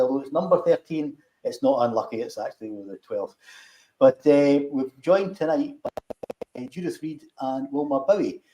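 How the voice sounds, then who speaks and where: A man's voice: mid-range voice, warm tone. Male host in an echoey room. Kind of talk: casual show hosting.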